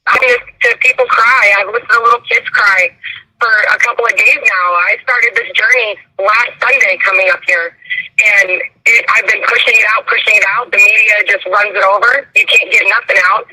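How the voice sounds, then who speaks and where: A woman speaking earnestly and plaintively as a phone-in guest in a live interview, over a rough telephone line. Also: mid-range voice, fairly even intonation, moderate pace, sharp tone. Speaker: phone-in guest from a protest convoy.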